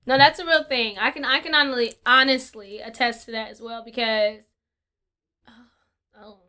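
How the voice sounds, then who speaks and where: Bright, chatty woman podcaster. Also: a little high, fairly even intonation, normal speed, clear, resonant tone. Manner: chatty, many fillers and laughs. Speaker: podcast co-host. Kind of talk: casual chat.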